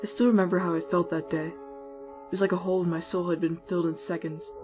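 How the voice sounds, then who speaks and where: Voicing a laid-back skeleton guy, an actor narrates a cartoon comic dub in first person as a wistful older brother, scripted but casual and wry. His natural mid-range voice stays level and runs a little fast, with music clearly underneath a slightly dull, muffled recording.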